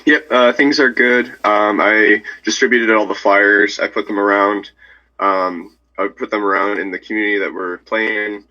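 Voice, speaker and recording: A man's voice: lowish voice, steady tone, moderate pace, sharp tone. A man giving a hesitant update over a video call, his audio breaking up. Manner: hesitant, many fillers. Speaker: team member giving a project update. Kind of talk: online meeting. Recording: dull lo-fi breaking-up call line.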